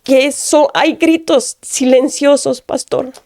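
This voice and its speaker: A woman's voice: sits high, steady tone, slow pace, darkish tone, no echo, studio quality. A woman from Guatemala giving an earnest personal testimony, repeating phrases and often addressing the pastor. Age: adult.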